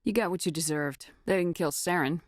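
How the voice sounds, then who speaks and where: An actress voicing a tough, no-nonsense female starship commander in a video game, with a firm, measured, authoritative delivery. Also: lowish voice, no room sound, clean studio sound, lightly acted. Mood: blunt. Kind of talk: video game dialogue acting.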